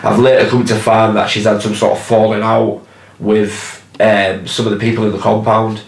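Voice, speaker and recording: A man's voice: on the low side, flat delivery, moderate pace. A man, talking candidly and casually, swearing freely, in a documentary interview. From Hull, England. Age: 20s. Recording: roomy sound with background music.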